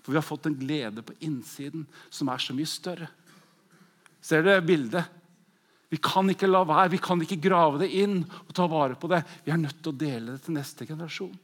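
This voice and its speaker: A man in his forties preaching a pentecostal sermon, fervent, moving between loud exclamations and hushed prayer. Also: fairly high pitch. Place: large conference hall.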